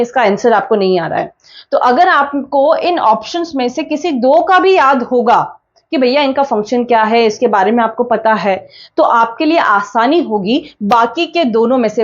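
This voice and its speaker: In an exam-prep class, a high-voiced woman teaches patiently and methodically, repeating each point and answering questions she poses to herself. The recording has a dull, lo-fi quality.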